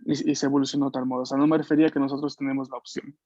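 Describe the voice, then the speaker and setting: A man teaching a French class online in Spanish, patiently explaining and slowly modeling words for his students. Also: medium pitch, little pitch movement, warm tone, no room sound, soft background music. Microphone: video call. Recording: dull lo-fi video call audio.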